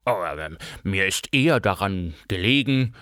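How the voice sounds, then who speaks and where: A gossip reporter stalls with hesitant fillers before smoothing things over with flattery, as the male narrator voices him. He sounds close to his usual reading voice. The recording is dry and close. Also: medium pitch, takes it slowly, dry recording. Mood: cautious.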